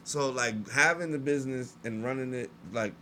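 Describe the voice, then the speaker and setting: A man's voice: medium pitch, moderate pace, pushed and bright, slight background noise. A man hosting a live stream, talking in a casual, slangy way with many restarts. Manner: laid-back, slangy, talks in restarts. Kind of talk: casual chat.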